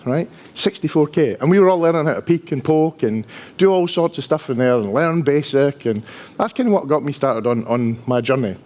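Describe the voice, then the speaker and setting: Male conference presenter, 50s, strong Dundee accent, slightly high-pitched voice, chatty and self-deprecating. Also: a little mellow. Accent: strong Dundonian Scottish. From Dundee, Scotland. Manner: chatty, self-deprecating, often tags sentences with "right?". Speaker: conference speaker, IT engineer.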